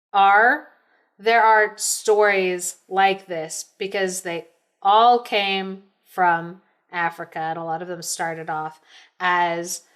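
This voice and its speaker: A woman's voice: medium pitch, a bit bright, clean tone. Chatty woman podcast host. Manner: chatty, searching for words. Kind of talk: casual chat.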